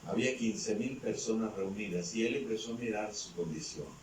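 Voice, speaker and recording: A man's voice: on the low side, moderate pace, darkish tone, far from the mic. A male pastor preaching a sermon as a story, often checking in with "¿verdad?". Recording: very echoey room, voice from afar, faint noise.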